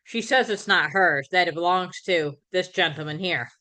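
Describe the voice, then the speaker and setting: A woman with a low-pitched but bright, crisp voice talks through a recap in a relaxed, conversational way. She stumbles and corrects herself now and then, with plenty of fillers. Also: normal speed. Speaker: podcast host. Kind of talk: casual episode recap.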